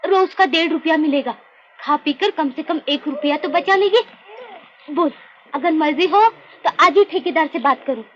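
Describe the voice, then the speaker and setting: A woman's voice: sits high, moderate pace, natural voice. A woman playing a blunt, caring fellow labourer who chides her friend, in 1950s film acting. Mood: chiding. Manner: blunt, chiding. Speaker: neighbour. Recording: dull old film soundtrack with faint noise.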